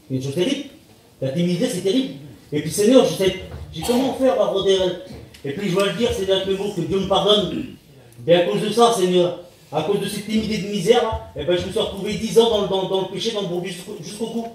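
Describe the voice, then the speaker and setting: High-voiced preacher in a booming hall. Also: male voice, darkish tone. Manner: plain-spoken, repetitive, halting restarts, calls out to the Lord. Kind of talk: sermon. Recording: echoey hall, speaker far from mic.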